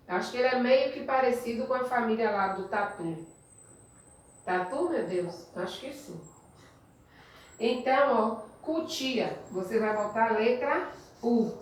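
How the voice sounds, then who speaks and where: A Brazilian woman teacher talks slowly and patiently, stretching each example word as she quizzes young pupils. Her fairly high voice sounds thin and distant, set back from the microphone in a very echoey room. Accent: Brazilian Portuguese. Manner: slow, patient, drawn-out example words with rhetorical questions. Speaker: primary school teacher. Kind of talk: recorded remote spelling lesson for children. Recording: echoey room, voice from far off the mic.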